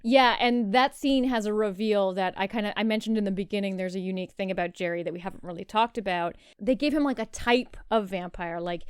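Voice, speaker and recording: A woman's voice: medium pitch, clean tone, no room sound, clean studio sound. A woman co-hosting a podcast, chatting casually and animatedly, laughing and swearing freely. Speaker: podcast co-host. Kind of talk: casual chat.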